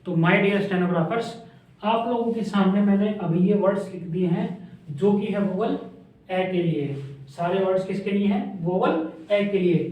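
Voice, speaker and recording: A man's voice: high voice, measured pace. A man teaching a shorthand class who drills sounds aloud and answers his own questions. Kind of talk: classroom lesson. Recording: echoey room, distant mic, dull sound.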